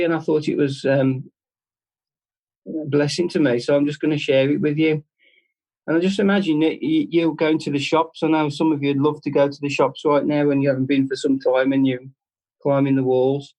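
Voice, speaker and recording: This is a man delivering a short, heartfelt devotional talk to his congregation. His voice sits somewhat higher than most men's. He speaks in a plain, chatty way, often stopping and restarting mid-phrase. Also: steady tone, a little mellow, poor audio. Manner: earnest and conversational, with halting restarts. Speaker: church speaker.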